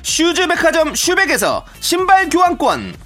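A woman announces radio sponsors and prizes from a script. Her voice is high and very lively, with faint music behind it. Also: moderate pace.

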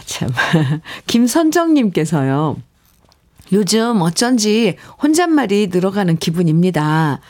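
A middle-aged woman hosting a radio show, reading a poem and listeners' letters in a gentle way and laughing often. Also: fairly low pitch. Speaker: radio host. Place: radio studio. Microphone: studio microphone.

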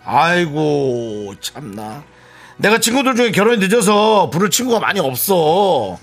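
A man playing a brash, self-centered friend in a radio skit, loud and overbearing. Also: very animated, unhurried, soft background music, full character voice. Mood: pushy, scolding. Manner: loud, overbearing, with sudden swoops of pitch. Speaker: radio co-host.

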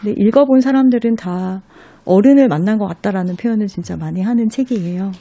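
A woman in casual conversation about books, her voice mellow and soft-edged. She reads quoted passages aloud slowly. The sound is dry and close. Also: mid-range voice, no room sound. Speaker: book recommender guest.

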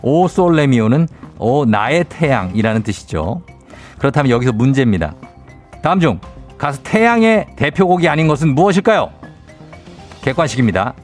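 A man's voice: mid-range voice, sing-song, moderate pace, soft background music. A man hosting a radio call-in quiz segment, bantering playfully with a caller and reading out questions.

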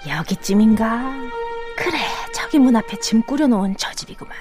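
A woman's voice: on the high side, animated, moderate pace, over music, lightly acted. A woman playing a possessive, menacing witch mother in a comic fairy-tale audio drama, theatrical, scolding and commanding. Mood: sinister, gloating.

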